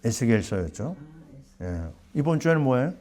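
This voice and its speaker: Mellow-voiced Korean pastor preaching. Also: male voice, medium pitch, big pitch swings, normal speed. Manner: asks the congregation questions and answers them himself. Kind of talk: sermon.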